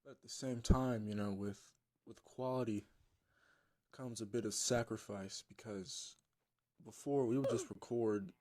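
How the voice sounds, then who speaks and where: A man's voice: fairly low pitch, fairly even intonation, measured pace, dark tone. A man, a gaming YouTuber, rambling through a casual story with loose swearing and plenty of fillers.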